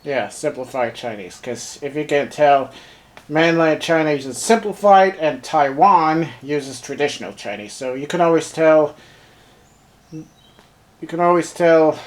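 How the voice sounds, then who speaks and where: Unboxing a handheld device, this reviewer, a native German speaker, talks in accented English and fills his thinking-aloud with many fillers. He sounds a little high and unhurried.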